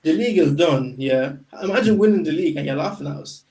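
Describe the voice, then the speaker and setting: Brief: male podcast co-host, higher voice, slangy and blunt, slightly off-mic. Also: lively intonation, fast talker, a little mellow, distant mic, low-quality recording. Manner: direct, argumentative, with casual slang. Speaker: podcast co-host, Liverpool fan. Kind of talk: casual football chat.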